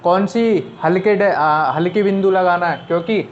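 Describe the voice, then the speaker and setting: High-voiced man teaching shorthand. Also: moderate pace, a little hiss or hum. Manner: talks while writing on a board, repeats and explains step by step. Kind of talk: casual classroom lesson. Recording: slightly dull, lo-fi sound.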